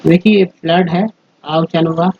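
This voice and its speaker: Slow, repetitive male language teacher. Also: a little high, steady tone, husky. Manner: spells words letter by letter and repeats sounds slowly. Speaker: English teacher. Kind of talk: slow explanatory lesson. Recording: dull lo-fi recording with faint noise.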